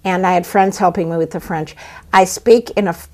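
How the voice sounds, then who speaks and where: A woman in her seventies, an actress and playwright, telling stories in an animated, theatrical way during an interview. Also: fairly low pitch, brisk. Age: 70s. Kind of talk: interview conversation.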